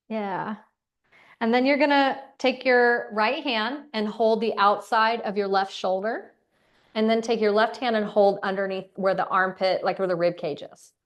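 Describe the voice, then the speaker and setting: A woman instructor leading an online class through gentle movement and breathing, with soft, calm cues. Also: medium pitch. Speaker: exercise instructor.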